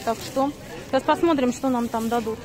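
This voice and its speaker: A middle-aged woman with a fairly high voice talks a little fast in a casual vlog, rambling and thinking aloud as she goes. She holds her phone at arm's length while moving through a stairwell, a parked car and a busy supermarket.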